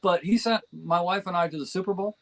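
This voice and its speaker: A man's voice: high voice, brisk, gravelly, fairly bright tone, poor audio. A man from New Jersey chatting as a guest on a fan podcast, enthusiastic and rambling, with frequent chuckles. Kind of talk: casual podcast chat.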